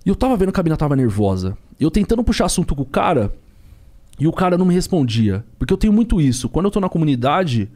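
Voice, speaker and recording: A man's voice: on the high side, sing-song, quick pace, darkish tone. A young man, a ride-share driver telling a story as a podcast guest, full of slang and acted-out dialogue. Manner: slangy and street-talking, acts out dialogue.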